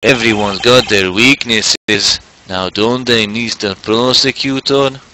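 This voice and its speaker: A man's voice: lowish voice, steady tone, noisy background. Man doing a drawling lazy cowboy lawman. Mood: smug. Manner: slow folksy drawl, laid-back and dramatic. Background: game music.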